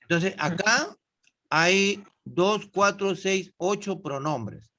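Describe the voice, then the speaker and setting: Teaching English online, a man with a bright, slightly high voice walks through grammar slowly and patiently, his intonation lively. He regularly pauses to ask his students questions. There's slight background noise.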